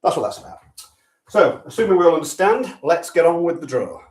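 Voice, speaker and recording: A man's voice: a little high, lively intonation, brisk, a little mellow. A man talks through a sweepstake draw in a dry, offhand way, cracking small jokes as he goes. He sounds like he's standing back from the camera in an echoey room, his voice a little distant. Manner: dry, chatty, offhand humour. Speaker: sweepstake host. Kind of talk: casual live draw commentary.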